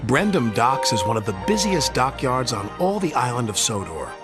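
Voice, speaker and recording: A man's voice: medium pitch, big pitch swings, normal speed. A man reading a children's story aloud expressively, with music behind. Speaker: narrator. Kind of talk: storybook narration.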